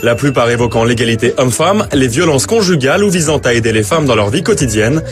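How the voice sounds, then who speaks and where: Male portrait narrator, slightly ironic, reads over a loud music bed. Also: medium pitch, expressive, quick pace. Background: background music.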